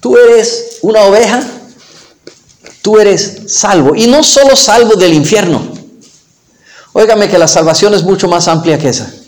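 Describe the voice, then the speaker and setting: A male pastor preaches a sermon in an unhurried, deliberate delivery, his voice sitting noticeably high for a man. He reads verses aloud and then presses the listeners with emphatic, rising exhortations. The sound is roomy and echoey, as in a church hall.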